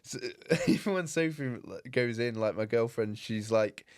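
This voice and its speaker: A young man on a podcast, chatting in a jokey, easygoing way, breaking into laughs and quick asides. His voice sits at an ordinary middle pitch. The sound is close and dry, with no room around it. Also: clear, resonant tone, dry recording. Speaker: podcast co-host. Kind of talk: casual chat.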